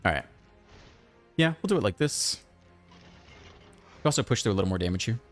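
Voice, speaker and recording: A man giving casual, chatty commentary over his own card game, thinking aloud and breaking into excited outbursts. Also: lowish voice, fairly quick, faint music behind. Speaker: gaming channel host.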